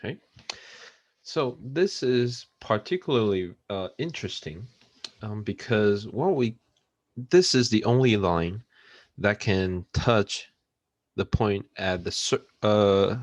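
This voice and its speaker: A man giving a recorded math lecture, unhurried, with frequent fillers and checks for understanding. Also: fairly low pitch, expressive, no room sound, lo-fi sound. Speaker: math instructor.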